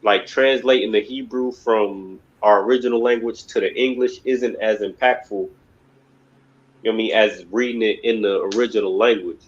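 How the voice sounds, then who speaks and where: A class instructor delivers a religious lecture in a lowish, steady voice at a moderate pace, and the recording has its highs cut off. He's emphatic and rambling, with constant repeats of "you know what I mean."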